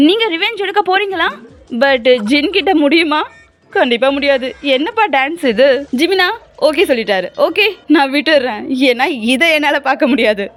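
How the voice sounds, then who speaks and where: A woman's voice: high voice, a bit bright. A woman with a Tamil accent narrating a comic fan dub in a teasing, chatty voice-over, full of exclamations.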